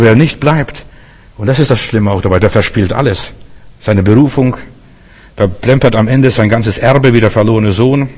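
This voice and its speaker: A man's voice: mid-range voice, darkish tone, big-room sound. A man preaching a fervent sermon, repeating phrases and asking the listener rhetorical questions.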